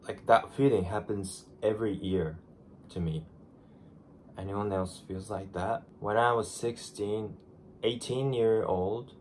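Still groggy after waking up, a man in his twenties with a Japanese accent vlogs from his small bedroom, facing a camera on his desk. His lowish voice is a little mellow. He's chatty and self-deprecating, restarting phrases as he goes, with slight background noise in the recording.

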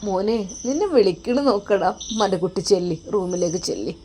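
A woman voicing a tender elderly mother who comforts her son, speaking softly and soothingly. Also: mid-range voice, expressive, moderate pace, a little hiss or hum, natural voice. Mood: coaxing.

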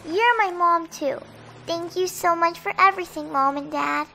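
A woman voicing a sweet, earnest young mermaid girl in an animated game story. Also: extremely high pitch, moderate pace, creaky, a little hiss or hum, full character voice. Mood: earnest, pleading.

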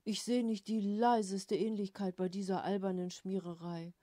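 A woman doing a blustering middle-aged father in a slowly paced storybook reading, loud and gruff, with a vain streak. The voice is mellow and dark underneath, set in a dry, close sound. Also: on the low side, expressive, no room sound, heavily acted. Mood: indignant.

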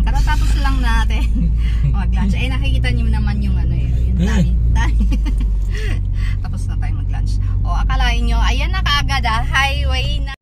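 Slow, chatty Filipino woman vlogger. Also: medium pitch, very noisy. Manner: chatty, laughs easily, mixes Tagalog and English. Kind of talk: casual travel vlog chat. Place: outdoor garden restaurant, then inside a car. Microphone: phone held at arm's length.

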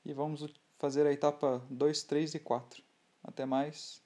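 A man with a Brazilian Portuguese accent explaining scale model building in a relaxed, halting way, often restarting his sentences. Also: on the high side. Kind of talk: hobby tutorial voice-over.

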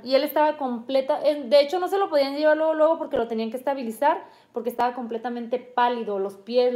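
Woman, fairly high voice, earnest personal storytelling, vivid retelling with restarts. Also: a little mellow. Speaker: interviewee recounting a family illness; mother.

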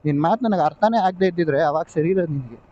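A male motovlogger who talks fast in a fairly high but dark, mellow voice, weary and placating as he gives in. The recording sounds dull and lo-fi. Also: expressive, dry recording. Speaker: motovlogger and rider. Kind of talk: comic motovlog sketch.

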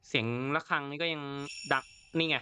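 A man's voice: on the high side, steady tone, moderate pace, sharp tone, a little hiss or hum. A man hosting a let's play of a horror game, reacting chattily and reading the in-game text aloud. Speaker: gaming channel host.

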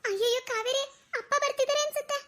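Anxious young cartoon girl, voiced by a woman, stammering and pleading, very high. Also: fast talker, sharp tone. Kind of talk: cartoon voice acting.

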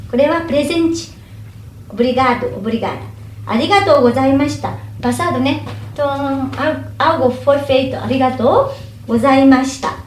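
Woman teacher, high voice, slowly models greetings, roomy echo. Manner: slow careful demonstration of each phrase. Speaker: Japanese teacher. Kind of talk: language lesson. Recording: echoey room, faint hum.

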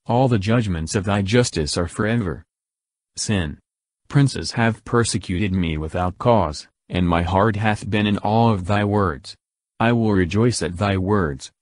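A man reading the Psalms aloud in a measured, solemn, verse-by-verse delivery. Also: fairly low pitch, darkish tone, no room sound. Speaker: scripture reader.

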